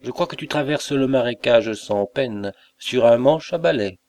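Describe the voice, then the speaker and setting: A man's voice: medium pitch, moderate pace, a little mellow, no room sound, close to an everyday voice. A man reading aloud as a young nobleman, a count who teases and banters but turns uneasy, in a storybook reading. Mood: jovial.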